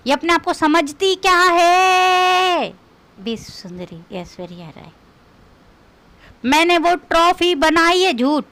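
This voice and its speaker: A woman's voice: very high-pitched, lively intonation, slow pace, fairly bright tone. A woman doing a comic rant in a scolding, mocking, quarrelsome way. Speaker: comedian.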